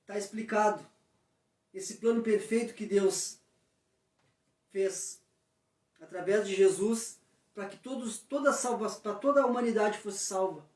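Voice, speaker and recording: A man's voice: high-pitched, measured pace, pauses often. A man leading a weekly Bible study, earnestly explaining scripture and praying, often asking listeners "Amém?". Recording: echoey, from far off the mic.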